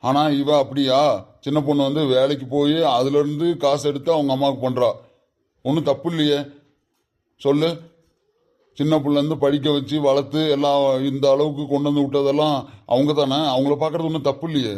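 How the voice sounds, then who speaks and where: A man playing a patient son and husband who calmly reasons with his mother in a comedy skit, with a Kanyakumari Tamil accent. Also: a little high, brisk, close to an everyday voice. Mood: reasoning. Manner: calm, reasoning.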